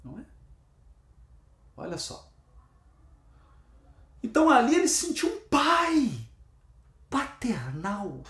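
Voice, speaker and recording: A man's voice: very high voice, wildly swooping pitch, slow pace, pauses often, fairly bright tone, reverberant. A man leading a spiritist book study, emphatic and repetitive, asking his listeners questions. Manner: emphatic, repeats himself, asks the audience questions.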